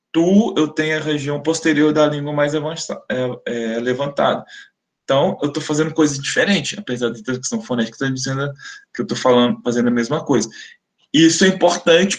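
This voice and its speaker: A Brazilian man with a voice on the high side lectures in an academic webinar. He explains conversationally, checks in with listeners often, and sounds out speech examples aloud.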